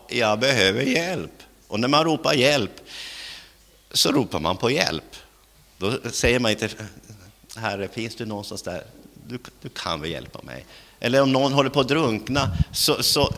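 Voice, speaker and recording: A male pastor from Sweden delivers an earnest sermon in a bright, forceful voice. He repeats words and restarts phrases as he talks. His voice rings out with a long church reverb. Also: medium pitch.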